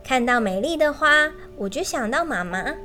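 A woman teacher, reading a children's picture book in a gentle, sing-song way and speaking directly to the children. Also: high-pitched, animated, moderate pace, over music. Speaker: kindergarten storyteller teacher.

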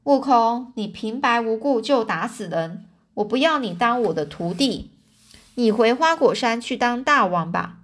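A woman voicing a gentle, soft-hearted monk master in a children's storybook reading. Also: a little high, lively intonation, measured pace. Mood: stern.

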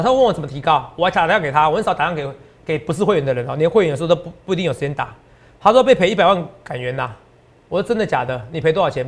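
Male finance host, Taiwanese Mandarin accent, high voice, rapid and emphatic delivery. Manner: emphatic and repetitive, often ends lines with a tag question. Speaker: stock market analyst host. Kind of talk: animated market commentary.

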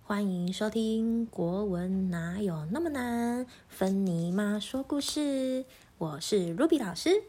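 A woman teacher reading a children's story aloud in a gentle, clearly paced way. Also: medium pitch, animated, takes it slowly.

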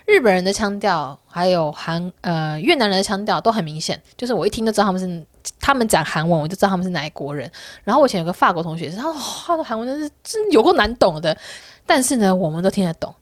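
A woman vlogger chats casually to her viewers, quick and animated, her pitch bouncing all over. She tells candid stories and laughs often. The sound is close and dry. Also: no echo. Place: Korea.

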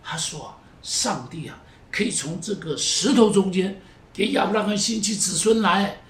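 A male pastor preaching a sermon in an emphatic way, repeating phrases and moving between loud urging and hushed pleading. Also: high-pitched, moderate pace. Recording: roomy echo, voice from a distance, faint noise.

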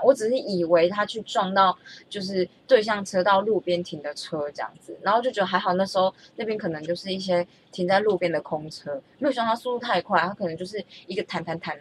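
A woman's voice: mid-range voice, slight background noise. Chatty young woman telling a story. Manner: chatty, animated, stammers when excited. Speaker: vlogger. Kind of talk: casual storytelling.

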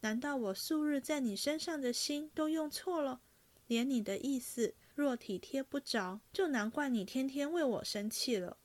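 An impulsive, devoted young nobleman, voiced by a woman reading the story aloud. He speaks fast and earnestly, pressing and pleading, in a fairly high voice. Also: expressive.

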